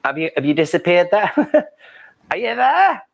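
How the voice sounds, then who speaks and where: Male host, teasing and camp, higher pitch, very animated intonation. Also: moderate pace, muffled recording. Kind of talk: casual interview chat.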